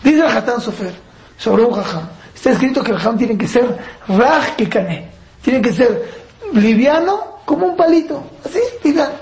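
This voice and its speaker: A woman teaches a parenting class, posing rhetorical questions and acting out parent-child dialogues. Her fairly high, darkish voice is animated at a normal speed, recorded with roomy echo and faint background noise.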